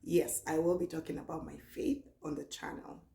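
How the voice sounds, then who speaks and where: Chatty Nigerian woman, low voice, echoey room. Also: gravelly. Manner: chatty and relaxed, reads questions aloud slowly. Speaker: vlogger. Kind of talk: casual Q&A vlog.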